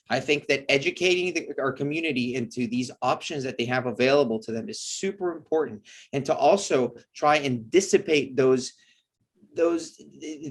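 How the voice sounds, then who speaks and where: A man in his thirties, born in El Salvador and speaking English as a second language, talks through his work as a surgeon. His voice sits a little high for a man, and he speaks earnestly and with enthusiasm, often restarting his sentences. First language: Spanish. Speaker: bariatric surgeon guest. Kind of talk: interview answers.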